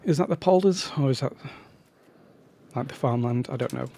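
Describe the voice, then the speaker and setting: A man's voice: medium pitch, moderate pace, creaky, warm tone, a little hiss or hum. A man casually commenting on his own strategy game, rambling and breaking off into chatty asides.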